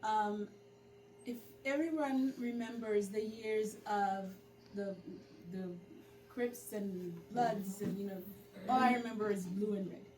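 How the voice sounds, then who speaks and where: A middle-aged, Haitian-born community organizer tells her story in an interview, speaking slowly at a medium pitch. Her storytelling grows animated when she quotes herself. The mic is distant in a roomy space with background noise.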